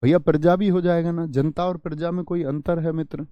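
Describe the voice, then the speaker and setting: A male teacher giving an exam-prep grammar lesson, stressing and repeating example words in a drawn-out way. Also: on the high side, steady tone, smooth, no room sound, muffled recording.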